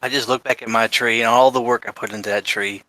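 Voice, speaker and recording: A man's voice: mid-range voice, steady tone, quick pace, bright, forceful tone, dry recording, low-quality recording. A man speaking as a player in a tabletop role-playing game, dry and offhand. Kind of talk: casual tabletop role-play.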